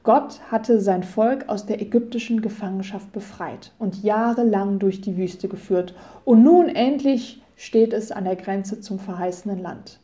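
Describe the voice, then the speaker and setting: Solemn scripture quotes mark this calm, measured radio devotion from a middle-aged woman preacher. It is scripted, and her voice has a deep, mellow warmth.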